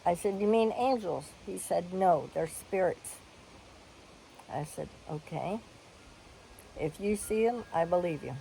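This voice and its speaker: A woman's voice: lowish voice, lively intonation, unhurried, gravelly, long pauses, mellow, a little hiss or hum, poor audio. An older woman telling a personal story in a candid, blunt way, with the odd cough and sigh.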